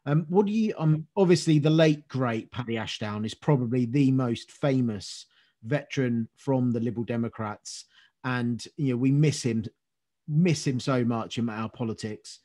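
Man, interview host, earnest, rambling questions, restarts, ordinary pitch. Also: normal speed, mellow.

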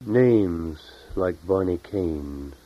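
A deep-voiced poet reads his own work very slowly and expressively, with measured, deliberate phrasing and long pauses. The reading is solemn and unhurried, captured on a dull lo-fi 1970s tape recording.

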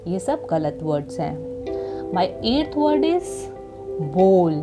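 Slow, careful Indian woman teaching pronunciation. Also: lowish voice, sing-song. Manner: clear, careful enunciation of each word. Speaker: channel host and English pronunciation teacher. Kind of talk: slow, deliberate pronunciation lesson. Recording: music playing behind.

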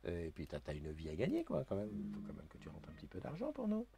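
A man's voice: low voice, wildly swooping pitch, fast talker, creaky, dark tone, a little hiss or hum. A man hosting a casual live stream, chatting loosely with many fillers and restarts as he reads viewer comments aloud into a new desk microphone. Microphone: new desk microphone being tested.

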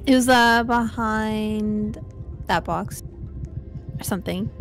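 A woman playing a game with a friend, chatting calmly and wryly. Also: medium pitch, slow, faint music behind. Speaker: guest co-player. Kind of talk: casual chat while gaming.

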